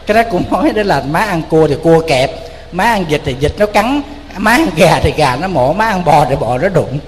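A man with a Southern Vietnamese accent, a Buddhist monk telling a story in a sermon, animated and colloquial, speaking straight to his audience. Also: on the high side, moderate pace, in a large hall, faint music behind.

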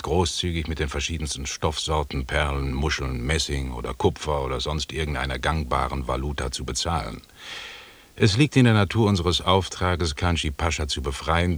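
A man with a very deep, husky voice plays a calm, imperious British expedition commander in a German radio drama. He delivers his lines in a measured, formal, authoritative way.

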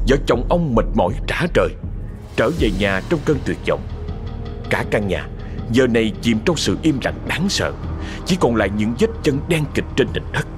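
A man's voice: medium pitch, very animated, moderate pace, music in the background. Man narrating a horror story dramatically.

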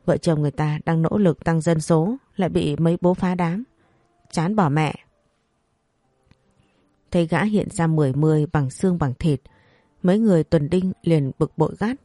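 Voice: medium pitch, normal speed, pauses often, dark tone, no room sound, clean studio sound. A storyteller narrating a folk tale in an earthy, colloquial way.

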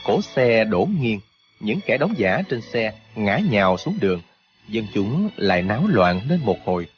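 A man narrating a martial arts novel for an audiobook, in an expressive, steady storytelling manner. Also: lowish voice, unhurried, muffled recording, slight background noise.

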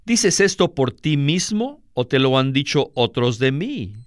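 A man voicing a calm, solemn male teacher in a Bible reading, speaking slowly and gravely. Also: mid-range voice, dry recording, clean studio sound.

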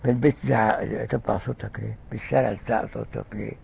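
An older man with an Egyptian accent giving a conversational religious lesson, often pausing with fillers and restarting words. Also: fairly low pitch, fairly even intonation, vocal fry, breathy edge. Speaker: religious scholar. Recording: muffled lo-fi recording.

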